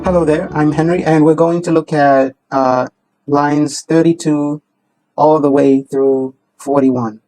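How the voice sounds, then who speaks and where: A young man from Kenya, a student, calmly explaining code while running a debugger. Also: on the high side, unhurried, faint music behind, low-quality recording. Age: young adult. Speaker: student presenter. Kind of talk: class project presentation.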